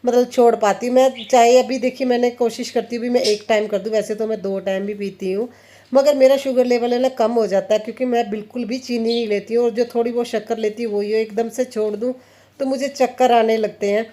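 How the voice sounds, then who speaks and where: Mom vlogger lady in her 30s, mellow low-key voice, chatty and laughing a lot. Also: steady tone, a little fast. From India. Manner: chatty, laughs often, quotes family conversations. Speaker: home vlogger, mother. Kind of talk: casual chatty voice-over of daily routine.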